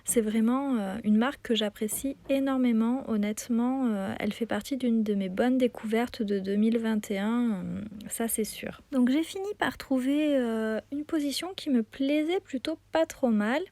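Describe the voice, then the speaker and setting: A woman's voice: a little high, moderate pace, warm tone, no echo. A woman hosting a craft tutorial in a casual voice-over, chatty and enthusiastic, with lots of hesitant fillers. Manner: hesitant, frequent "euh" fillers. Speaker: craft video host.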